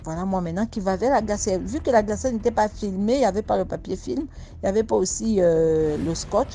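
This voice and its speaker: A woman's voice: mid-range voice, brisk, slight background noise. A woman dramatically telling her own supernatural experience as a testimony, acting out sounds and pleas. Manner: animated, acts out sounds and pleas, slips into sobbing. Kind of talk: dramatic first-person testimony.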